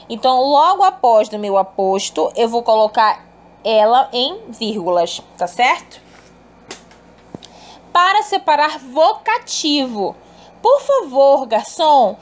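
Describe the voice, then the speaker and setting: A woman teaching a recorded online lesson, her voice sitting a little high for a woman. She explains step by step and addresses her pupils fondly.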